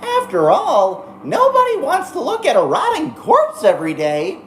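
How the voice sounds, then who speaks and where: A woman's voice: sits high, wildly swooping pitch, echoey room, slight background noise, voice pushed up, poor audio. A woman doing a gleeful, gloating robot bear. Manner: sing-song, drawn-out, gloating. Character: mischievous male robot bear, gleefully cruel.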